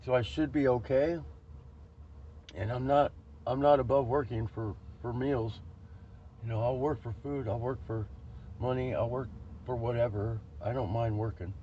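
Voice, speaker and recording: A man's voice: mid-range voice, steady tone, normal speed, pauses often, warm tone. A man talking to camera on a road trip, rambling and emotional, with many restarts and fillers. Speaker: vlogger. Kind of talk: casual vlog monologue. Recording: lo-fi with faint road noise.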